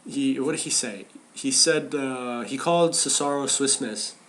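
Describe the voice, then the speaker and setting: A man's voice: mid-range voice, measured pace, a bit bright, a little hiss or hum. A man co-hosting a podcast, talking casually and animatedly about wrestling, often restarting and repeating phrases. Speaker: podcast co-host.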